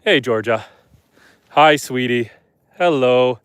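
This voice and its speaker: A Canadian man in his thirties, nose stuffed up from a head cold, chats on a live stream from outdoors at night, reading comments in a medium-pitched, slow, smooth voice. The audio is studio quality with no echo, and he's relaxed and talkative, speaking softly to the animals.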